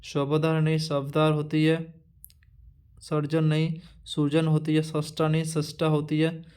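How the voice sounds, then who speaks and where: A male teacher running an exam-prep lesson, reading through a word list in a repetitive drilling way with halting restarts. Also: on the high side, monotone, a little mellow, clear, resonant tone.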